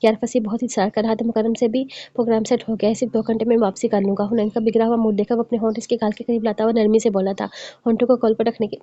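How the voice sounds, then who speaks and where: A woman narrating an audio novel in a rapid, even reading voice, close to the mic. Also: on the high side, no room sound. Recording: dull, dry close recording.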